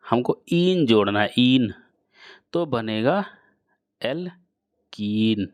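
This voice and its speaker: Slow, patient male chemistry teacher. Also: medium pitch, dry recording, clean studio sound. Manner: slow, repetitive teacher's explanation, addresses students directly. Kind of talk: classroom lecture.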